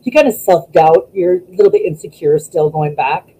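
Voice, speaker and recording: A woman, a former wrestler, chatting as a guest over a video call, telling stories in an animated way and acting out what people said. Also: low voice, normal speed, creaky, a little hiss or hum, rough recording. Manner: animated storytelling, acts out quotes. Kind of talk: casual interview chat.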